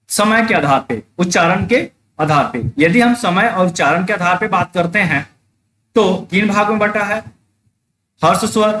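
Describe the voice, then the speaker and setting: A man's voice: high-pitched, fairly bright tone, a little hiss or hum. A man teaching a live exam-prep class online, explaining step by step, repeating key points and checking that students follow.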